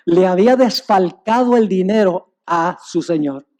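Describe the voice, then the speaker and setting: A man's voice: high-pitched, measured pace, warm tone. A male pastor preaching a sermon, telling a parable with emphasis and speaking directly to the congregation. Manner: emphatic storytelling, addresses the audience directly.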